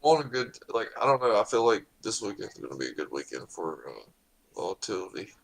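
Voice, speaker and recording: A man's voice: on the low side, sing-song, a little fast, vocal fry, low-quality recording. A man chatting casually in a hesitant, rambling way. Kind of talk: casual chat.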